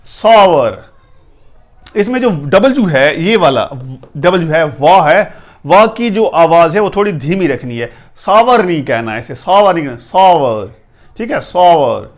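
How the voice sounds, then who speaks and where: A man with a Pakistani accent teaching English pronunciation, spelling each word out letter by letter and repeating it slowly. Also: on the high side. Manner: slow and repetitive, drilling each word.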